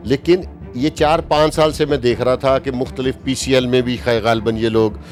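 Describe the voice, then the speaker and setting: A man in his fifties with a Pakistani Urdu accent, speaking as a journalist guest in an interview, emphatic and opinionated, slowing down to stress his points. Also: medium pitch, fairly even intonation, soft background music. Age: 50s. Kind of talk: interview talk.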